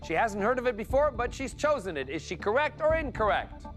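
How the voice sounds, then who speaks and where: Hosting a quiz show on TV, this man has a very high voice with big pitch swings and talks a little fast. He's cheerful and teasing with contestants, while music and a live studio crowd fill the broadcast sound.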